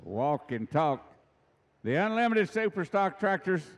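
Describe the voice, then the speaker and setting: A man's voice: sits high, big pitch swings, a little slow. A middle-aged American man giving live event commentary as a tractor pull announcer in a folksy, emphatic way, repeating himself for effect.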